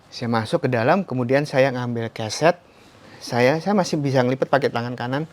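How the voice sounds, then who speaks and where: A man telling his story as an interview guest, animated, often breaking into sudden high exclamations and ending phrases with a polite "Mas". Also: a little fast. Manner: tags sentences with "Mas". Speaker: interview guest, stroke survivor.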